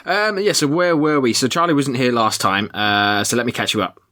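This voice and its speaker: A man's voice: medium pitch, fairly quick, sharp tone. A man hosting a podcast in casual conversation, recorded in the attic of a house. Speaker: podcast host. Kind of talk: casual chat. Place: attic room of a family house.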